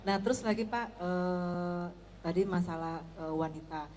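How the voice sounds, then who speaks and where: A woman's voice: fairly low pitch, unhurried, darkish tone. A woman from the audience putting polite, hesitant questions to a preacher, with many fillers. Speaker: audience member asking questions.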